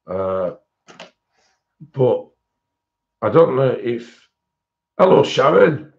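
This coloring book channel host speaks extremely slowly yet very animatedly, his mid-range voice gravelly over lo-fi audio. He's live-streaming a coloring-supply haul, chatting and rambling with commenters, with frequent fillers and self-corrections.

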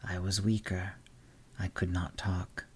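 Storybook whisper role: man as a bitter, ancient will-o'-the-wisp, hissing and scornful, low voice. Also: little pitch movement, slow. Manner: weary, scornful.

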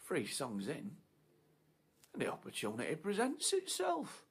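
Brief: actor playing a slow, swearing thug, husky voice, pitch swings wildly. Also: male voice, wildly swooping pitch, heavily acted. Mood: scornful. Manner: swearing, swinging between hushed whispers and shouts. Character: foul-mouthed, menacing male disco obsessive. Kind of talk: short film monologue.

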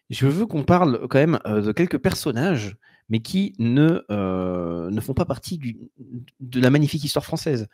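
Hosting a live-streamed talk show, a man rambles promotionally, heavy on fillers, as he plugs a book and introduces his guest. His voice is medium-pitched and darkish, captured dry with studio quality.

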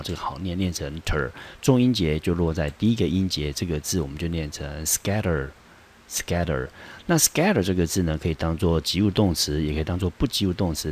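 A man teaching an English vocabulary word, explaining step by step in Taiwanese Mandarin and reading the example sentences slowly with emphasis. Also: deep voice, a little mellow. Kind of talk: vocabulary lesson.

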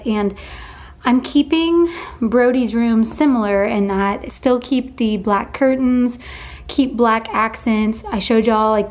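Chatty young woman vlogger. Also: on the high side. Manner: chatty, filler-heavy, peppered with "like". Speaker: vlogger, pregnant mom. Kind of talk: casual vlog chat.

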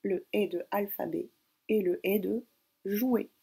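A woman teacher recording a spelling dictation lesson at home, speaking slowly and spelling words out syllable by syllable. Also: mid-range voice, vocal fry, warm tone, breathy edge. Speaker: primary school teacher.

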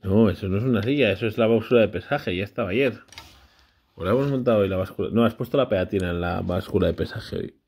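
A man's voice: lowish voice, fast, darkish tone, husky. A man, casually vlogging a brick build with his child, chatty and often unsure as he corrects himself.

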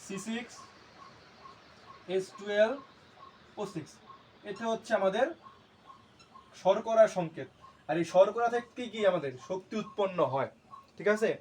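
A man with a high voice teaching a lesson at a board. He keeps putting questions to the class and answering them himself, and he repeats each key term so it sticks. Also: a little slow, long pauses, darkish tone, a little hiss or hum. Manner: asks and answers his own questions. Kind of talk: classroom lecture.

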